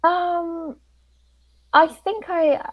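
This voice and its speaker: A woman's voice: extremely high pitch, fairly even intonation, drawn-out words, poor audio. Friendly English woman teaching conversation. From England. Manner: friendly, asks follow-up questions. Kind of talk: casual conversation lesson.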